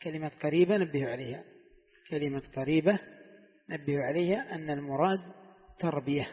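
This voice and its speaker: A man's voice: a little high, quick pace. A man teaching a religious text in a classroom lesson, explaining step by step and posing rhetorical questions to his students. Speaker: sheikh teaching Quran commentary. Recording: tinny phone-like sound in an echoey hall.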